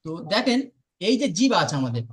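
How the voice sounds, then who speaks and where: A man's voice: high voice, big pitch swings, brisk. A man patiently teaching Arabic letter sounds in an online lesson, repeating and drilling each sound aloud.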